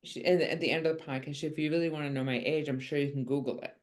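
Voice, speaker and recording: A woman's voice: low voice, steady tone, rapid-fire, darkish tone, low-quality recording. A woman in her fifties, an author guest on a podcast, chatting casually with a self-mocking sense of humor and rambling asides. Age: 50s.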